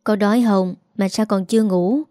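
The aunt is a soft, motherly middle-aged woman with a Southern Vietnamese lilt, caring and quick to stammer when cornered, as a woman reading a storybook puts her on. Her voice is warm and mellow, and it sits close and dry. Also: medium pitch, steady tone, no echo, lightly acted. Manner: tender, flustered, stammering when pressed. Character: gentle middle-aged aunt who raised an orphan.

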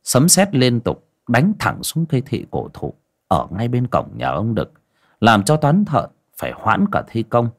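Animated storyteller man. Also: mid-range voice, unhurried. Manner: animated, voicing every character. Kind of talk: folk tale narration.

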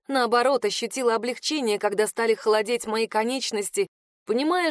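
A woman narrating a first-person fantasy audiobook in a steady, expressive reading. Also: fairly high pitch, no room sound. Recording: dry close studio sound.

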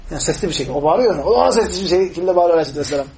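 A man's voice: a little high, animated, racing, a little mellow, a little hiss or hum, rough recording. A man teaching a hadith lesson, explaining step by step, asking his class questions, and reciting Arabic passages. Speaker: religious teacher.

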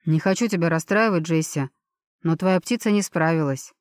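A woman voicing a brash young man who shouts and mocks, reading an audiobook. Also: low-pitched, normal speed, dry recording, clean studio sound, close to an everyday voice. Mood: mocking.

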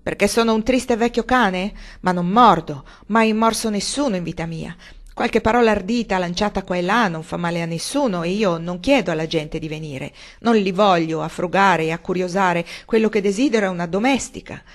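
Loud gruff old man, scornful drinker, bluster, woman narrator voicing him. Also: normal speed, close to an everyday voice. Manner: booming and blustering.

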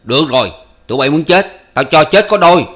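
Male narrator playing a gruff gang boss, growling and menacing, audiobook. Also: mid-range voice, fairly even intonation, unhurried, natural voice. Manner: gruff, growling, loud threats. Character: hot-tempered outlaw boss, gruff and menacing.

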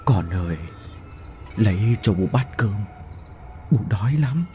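A man's voice: animated, dark tone, echoey room, long reverb tail, soft background music. A man as a hollow-voiced old ghost woman. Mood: eerie. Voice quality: deep, hollow, distant. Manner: slow, faint, mournful. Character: drowned old woman's ghost, starving and cold.

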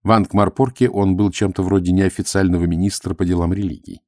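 A man narrating an audiobook with an expressive, lively reading. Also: sits low, a little fast, dry recording, studio quality.

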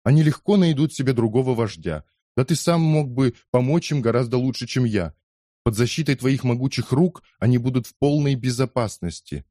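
A man's voice: medium pitch, animated, moderate pace, warm tone, no echo, studio quality, voice pushed up, lightly acted. A man voicing a torn, conscientious leader in an audiobook, speaking earnestly and pleading with rising distress. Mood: protesting. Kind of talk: audiobook character voice.

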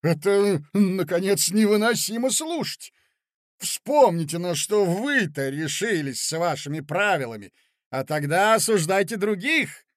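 A man voicing an enraged young gentleman suitor who shouts out slow, indignant outbursts in an audiobook reading. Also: high-pitched, animated, dry recording, clean studio sound, pitched above the performer's own voice. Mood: furious. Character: hot-headed young gentleman suitor, furious.

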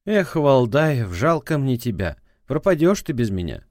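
A man's voice: medium pitch, very animated, a little slow, a little mellow, no echo, clean studio sound, voice pushed up. A man voicing a scornful, nagging ex-wife who lectures and mocks in a prosecutorial tone. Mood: lecturing.

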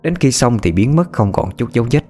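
A man narrating a ghost story in a measured, steady way. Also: mid-range voice, soft background music.

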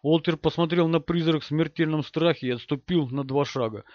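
A man narrating a horror audiobook in a measured, steady way. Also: on the high side, no echo, muffled recording.

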